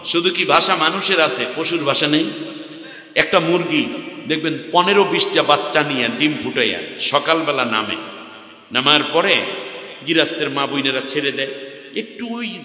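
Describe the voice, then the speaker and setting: A man's voice: fairly high pitch, lively intonation, moderate pace, long pauses, bright, forceful tone. A man with a southern Bangladeshi Bengali accent preaching a sermon at a large gathering, chanting verses in a sing-song and throwing rhetorical questions to the crowd. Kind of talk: Islamic sermon at an outdoor gathering. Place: large open-air religious gathering. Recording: echoey live sermon PA sound.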